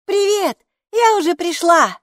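A storybook schoolgirl, eager and bright, with a high, lively voice and a hushed, secretive streak, as a woman narrator plays her. The reading is close and dry. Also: moderate pace, no room sound, lightly acted. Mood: excited. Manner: eager, conspiratorial whispering. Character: excitable schoolgirl, the older sister.

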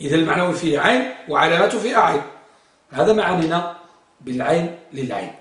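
A man's voice: a little high, lively intonation, fast, fairly bright tone. A man teaching a grammar class, quizzing his students and repeating their answers. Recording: echoey room, far from the mic.

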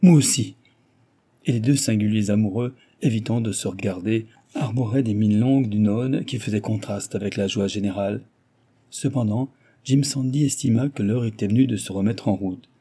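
A man narrating an audiobook in a measured, even reading. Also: lowish voice, slightly rough. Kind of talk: scripted narration.

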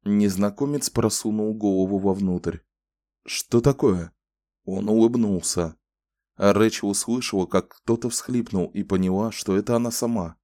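A man calmly narrating a novel as an audiobook reader, close to the microphone. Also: fairly low pitch, normal speed, no room sound.

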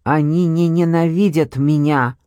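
A man's voice: on the high side, fairly even intonation, a little slow, mellow, smooth, no echo, close to an everyday voice. A man voicing a worn-down older mother, speaking in a strained, pleading way. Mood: anguished.

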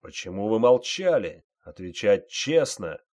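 A man voicing a stern male army sergeant who barks orders slowly and loudly, in an audiobook reading. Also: fairly low pitch, very animated. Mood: commanding. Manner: barking orders, loud and slow.

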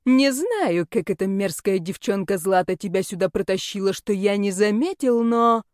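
A woman voicing an arrogant, domineering aging male rector of a magic academy in an audiobook, speaking slowly and haughtily. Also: mid-range voice, animated, darkish tone, no echo, studio quality, natural voice. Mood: haughty, menacing. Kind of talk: audiobook character voice.

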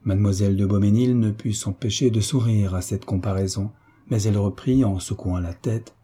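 A man narrating a classic novel as an audiobook, measured and steady. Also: on the low side, slightly rough.

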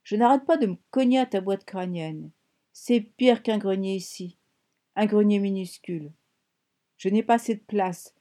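A woman's voice: mid-range voice, moderate pace, dark tone, lightly acted. A woman reading an audiobook, voicing a bossy, scornful sister who lives as a voice inside a girl's head and speaks in a hammering, mocking way.

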